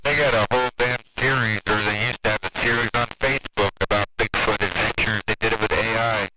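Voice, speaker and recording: A man's voice: fairly low pitch, fairly even intonation, brisk. A man telling loose, profane stories in casual chat on a two-way radio, laughing easily. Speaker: radio operator. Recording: static-filled two-way radio.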